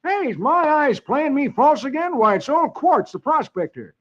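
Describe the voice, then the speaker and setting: A man playing an excitable young cowboy sidekick with loud, high exclamations on a vintage radio broadcast. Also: measured pace, full character voice. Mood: excited. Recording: dull lo-fi vintage radio recording.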